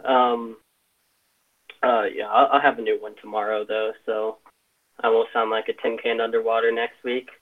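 A man calling in on his mobile phone, whose voice comes through with a tinny, metallic sound. He talks casually and haltingly, with plenty of fillers. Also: medium pitch, little pitch movement. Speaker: caller on a live stream. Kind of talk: casual chat.

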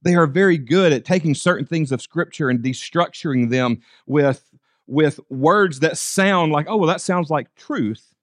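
Emphatic male preacher, higher-pitched voice. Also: unhurried, dry recording, studio quality. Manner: emphatic, with repeated phrases and rhetorical questions; direct address to listeners. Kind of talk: sermon to a congregation with teenagers and parents.

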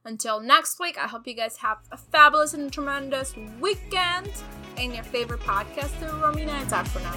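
A woman's voice: high-pitched, expressive, a little fast, sharp tone, faint music behind. A woman hosting a solo advice podcast with hyper, over-caffeinated energy, chatty and emphatic as she addresses listeners familiarly. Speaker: podcast host.

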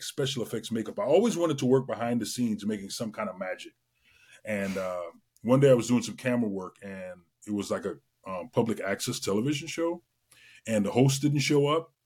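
A middle-aged man from Trinidad and Tobago, a guest entertainer telling his career story in a lively way, with many fillers. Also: on the low side, a little fast, husky. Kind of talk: casual interview chat.

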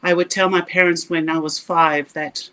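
A middle-aged South African woman, a scientist appearing as a podcast guest, tells her story earnestly, emphatically, and with real passion. She has a South African accent and a lowish, level voice at a normal speed, with a crowd audible in the background.

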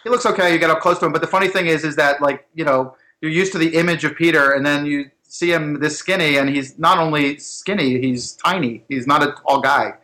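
Fast-talking, opinionated man. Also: a little high, sharp tone. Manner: fast, opinionated, talks in run-on asides. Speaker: guest film critic. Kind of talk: casual chat.

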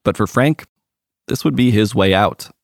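A male reporter giving scripted narration in a measured, even way. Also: fairly low pitch, gravelly, no room sound, studio quality.

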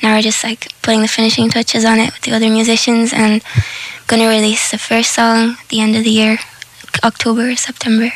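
A woman's voice: a little high, completely flat delivery, a little fast, dry recording, poor audio. A young woman with a west of Ireland accent, a musician chatting casually as a guest in a radio interview. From Connemara, west of Ireland. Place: radio studio.

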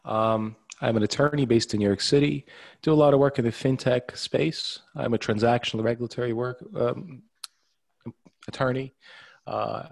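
A man's voice: medium pitch, vocal fry, a little mellow, no room sound. A man moderating a webinar panel, upbeat and welcoming, with some fillers as he talks. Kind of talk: scripted-sounding webinar hosting.

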